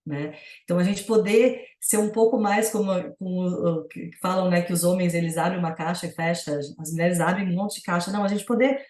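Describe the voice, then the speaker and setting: A woman's voice: lowish voice, brisk, a little mellow, reverberant. A woman with a Brazilian Portuguese accent teaching a yoga satsanga in a casual, reflective way, full of fillers.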